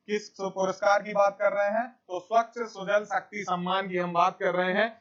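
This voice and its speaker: High-voiced man teaching exam facts. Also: highs cut off. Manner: repetitive, drills key facts, addresses viewers as friends. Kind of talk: current affairs lecture.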